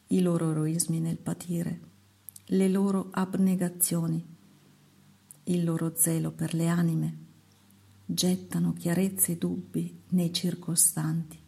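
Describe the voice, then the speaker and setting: The Lord, solemn and unhurried, read by a woman: dark, gravelly tone, hushed devotional recitation. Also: fairly low pitch, little pitch movement, exaggerated voice. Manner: slow, measured, hushed recitation. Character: the Lord, a solemn male divine voice. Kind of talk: devotional reading.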